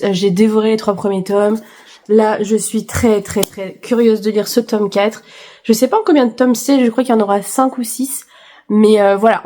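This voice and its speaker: Chatty woman book vlogger, higher voice. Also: darkish tone. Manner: chatty, hesitant, many fillers and repeats; enthusiastic. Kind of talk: casual chat about planned reading.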